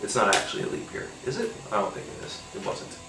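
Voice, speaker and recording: Talking fast with big swings in pitch, this fairly low-voiced podcast host does a solo beer tasting while stuffed up and nasal from a cold. He rambles loosely, leaning on fillers and casual swearing. The poor recording is reverberant, far from the mic, and set over music.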